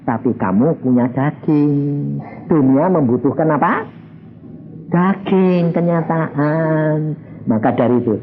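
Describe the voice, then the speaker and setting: A man preaching a sermon, telling stories animatedly and acting out dialogue with vocal sound effects. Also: mid-range voice. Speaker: evangelist preacher. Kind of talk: sermon with storytelling. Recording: slightly muffled, faint background noise.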